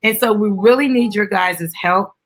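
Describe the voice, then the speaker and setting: Hosting a live stream, a woman chats casually with viewers, calling them "guys," while promoting a children's book. Her voice is medium in pitch and her speed is normal.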